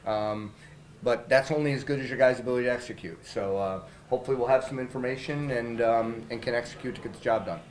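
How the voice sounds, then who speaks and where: A man's voice: mid-range voice, quick pace, poor audio. A middle-aged man, a baseball team manager, answering reporters' questions after a game in a small press room, speaking candidly with many fillers and restarts into handheld mics held up close. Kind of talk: post-game press interview. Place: small press room in front of a logo backdrop. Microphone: several handheld reporter mics held up close.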